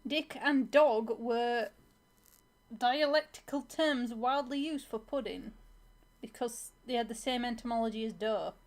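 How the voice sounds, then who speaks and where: A woman's voice: on the high side, unhurried. A woman chatting casually and informally in conversation. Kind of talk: casual chat.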